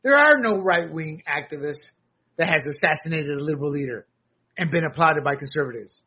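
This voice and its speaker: A man delivers a combative political monologue with biting sarcasm and a bright, forceful edge. His voice is husky and a little raised in pitch. The audio is dull and lo-fi. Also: animated, brisk. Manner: combative, sarcastic, rising to shouts. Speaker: political commentary host.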